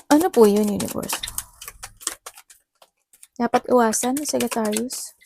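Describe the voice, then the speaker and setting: A woman from the Philippines giving a casual tarot reading, chatty and laughing often, her voice a little hoarse. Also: on the high side, unhurried, dark tone, slight background noise. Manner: chatty, mixes Tagalog and English, laughs often. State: slightly hoarse voice. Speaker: tarot reader.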